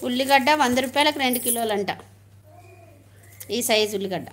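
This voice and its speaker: A woman's voice: fairly high pitch, normal speed, a bit bright. A middle-aged woman, chatting casually on a live stream, laughing often and greeting viewers.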